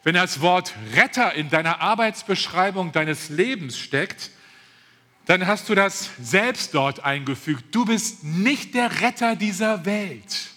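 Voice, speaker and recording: A man preaching a sermon with a high, bright voice, taking his time and leaning hard on each repeated phrase. His voice carries a long reverb through a church hall. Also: lively intonation, soft background music. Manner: emphatic, repeats key phrases, stretches words slowly.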